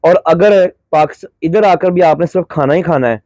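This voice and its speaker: A man's voice: a little high, a little mellow, dry recording. A middle-aged man from Pakistan giving brotherly, pleading advice in a vlog, feeling a little unwell. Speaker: vlogger giving advice to migrants.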